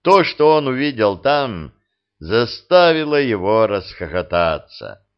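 A man giving measured, dramatic audiobook narration. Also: mid-range voice, big pitch swings, clear, resonant tone, lo-fi sound.

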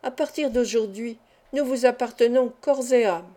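A woman's voice: a little high, moderate pace, dark tone, lightly acted. A woman reading an audiobook, voicing a cheerful young male acrobat with a chatty, showman-like patter. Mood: joyous.

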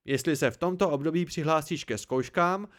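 A man's voice: on the high side, lightly acted. A man reading an audiobook, voicing an irritable, blunt male student friend who scolds. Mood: irritated.

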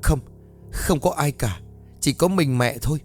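A man's voice: on the high side, a little slow, a little mellow, soft background music, close to an everyday voice. A man voicing a frightened middle-aged mother who pleads with her possessed child, desperate and tearful, in a horror audiobook. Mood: pleading.

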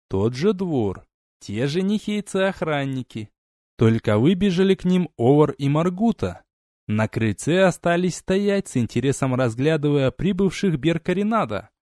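A man narrating an audiobook in a steady, expressive reading. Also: medium pitch, no room sound, clean studio sound. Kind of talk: scripted narration.

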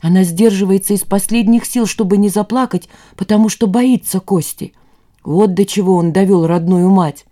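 A woman reading an audiobook aloud in an expressive narrating voice. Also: mid-range voice, normal speed. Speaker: audiobook reader. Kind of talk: scripted narration.

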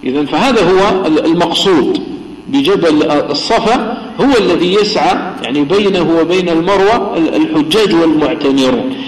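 High-voiced man teaching in an echoey hall. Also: a little hiss or hum. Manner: explanatory and repetitive, with frequent halting filler pauses. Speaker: religious teacher. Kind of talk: explaining a religious text in a lesson.

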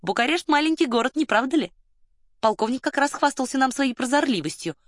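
A woman voicing a cheerful, quick-witted young woman in an audiobook. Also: high voice, animated, dry recording, clean studio sound, voice pushed up. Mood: lively.

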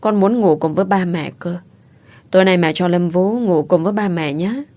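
A woman's voice: fairly low pitch, moderate pace, mellow, lightly acted. A woman voicing a small, affectionate boy who talks in a pleading, childlike way. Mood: eager.

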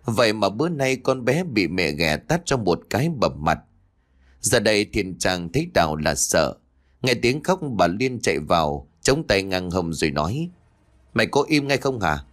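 Low-voiced man telling a ghost story. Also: normal speed. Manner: lively, shifts voice for quarrelling characters. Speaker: narrator. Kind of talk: storytelling narration with acted dialogue.

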